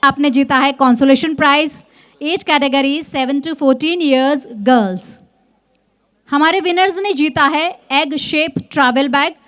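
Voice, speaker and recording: A woman with an Indian accent works as a booming prize announcer at a ceremony. Her voice sits high, and she takes her time, stretching out the results with heavy emphasis. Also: a bit bright. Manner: drawn-out, emphatic delivery of results.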